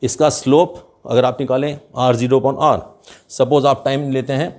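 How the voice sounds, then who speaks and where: A man's voice: mid-range voice, fairly even intonation, darkish tone. An older man with an Indian accent, teaching a chemistry lesson at a board and switching between Hindi and English. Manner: slow, deliberate, mixes Hindi and English. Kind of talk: explaining at a board.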